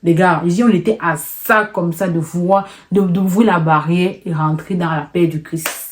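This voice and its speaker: A young woman telling a personal story in a casual vlog, animated and emotional, repeating words for effect. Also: fairly low pitch, normal speed.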